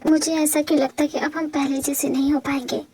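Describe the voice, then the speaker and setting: A woman's voice: high-pitched, flat delivery, fairly quick, mellow. A woman voicing a grieving young wife in a fan audio drama, tearful and pleading.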